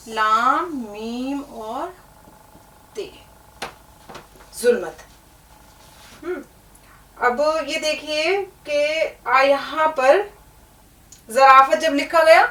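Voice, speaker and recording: A woman teaching a language lesson, explaining word meanings and spelling out letters slowly, often checking in with the learner. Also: sits high, fairly bright tone. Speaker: Urdu teacher. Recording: echoey room, mic at a distance.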